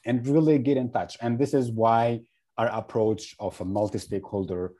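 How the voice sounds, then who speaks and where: A man from Egypt, a guest in a podcast interview, speaking in a halting way with many fillers and restarts. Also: mid-range voice, steady tone, mellow. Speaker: guest, regenerative agriculture advocate.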